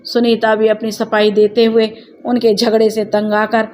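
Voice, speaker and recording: A woman telling a scripted family drama story in a steady, plain narrating voice. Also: fairly high pitch, a little slow, slight background noise.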